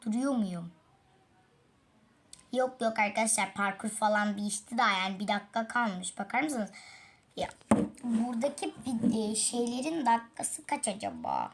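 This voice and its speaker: Woman, gaming host, casual let's-play chatter on a tablet, slightly high-pitched, sighing at her fails. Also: big pitch swings, normal speed, slight background noise.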